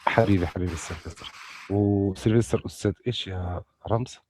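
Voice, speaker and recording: A man's voice: sits low, steady tone, fast talker, darkish tone. A man hosting a casual voice-chat room, joking and teasing the guests.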